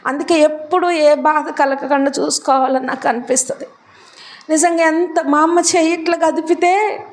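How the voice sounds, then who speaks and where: Woman preacher, high voice, testimony and sermon, builds to emphatic repeated lines. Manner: rising to emphatic repeated declarations.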